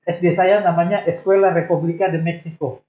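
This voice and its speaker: A man in his sixties, a radio guest, telling his life story in a relaxed, joking way. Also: high-pitched, brisk. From Indonesia. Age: 60s. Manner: relaxed storytelling with light self-deprecating jokes. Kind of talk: casual interview chat. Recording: echoey room, tinny phone-like sound.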